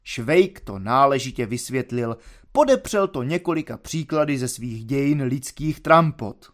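A man narrating a classic novel in a steady, measured storytelling voice. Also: medium pitch. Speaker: audiobook reader. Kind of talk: literary narration.

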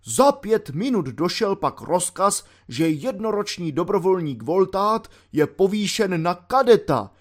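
A man's voice: high voice, sing-song, hardly any pauses, pitched above the performer's own voice. A man voicing a pompous, bellowing older army colonel who makes bombastic speeches.

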